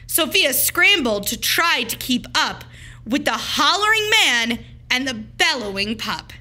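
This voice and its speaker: A female teacher reads a picture book aloud to children, storytelling in an expressive, deliberate, emphatic way. Her voice sits high.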